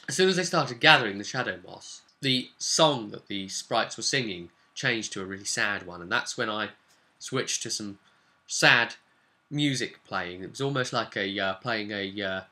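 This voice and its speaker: A game master recaps his tabletop role-playing campaign to camera, telling the story casually in a low-ish, pushed and bright voice. He leans on key words and drifts off into conversational asides.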